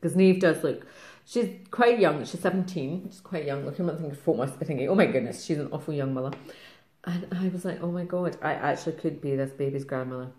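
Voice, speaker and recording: A middle-aged Scottish woman chatting casually to camera in a fast, rambling way, laughing often. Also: sits low, dark tone. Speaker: craft vlogger. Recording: roomy echo.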